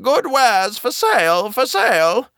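A vain and envious wicked queen voiced by a male storyteller rises high and shrill, drawing out her words as she schemes. The sound is close and dry. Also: very animated, unhurried, sharp tone, no room sound, exaggerated voice. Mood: coaxing.

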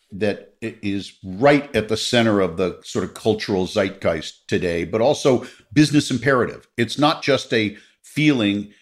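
A middle-aged man interviewing a guest, asking long expansive questions with emphatic, repeated phrases. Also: lowish voice. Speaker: interviewer host.

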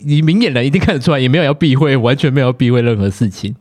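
A man's voice: medium pitch, racing, no echo. A man in his thirties with a Taiwanese Mandarin accent, telling a personal story on a casual podcast and often laughing as he talks. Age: 30s. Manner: animated, laughs while telling stories.

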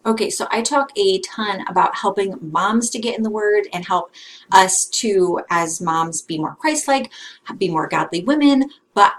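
A woman's voice: mid-range voice, unhurried, slight background noise. A woman in her thirties hosting an interview, chatty and self-deprecating. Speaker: podcast host. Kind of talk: casual interview.

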